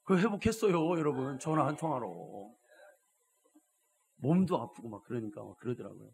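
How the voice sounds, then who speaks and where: A man preaching a Sunday sermon in church as pastor, telling stories and swinging from hushed asides to loud exhortation, often prompting the congregation. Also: mid-range voice, lively intonation, normal speed, gravelly. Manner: keeps addressing the congregation with rhetorical prompts.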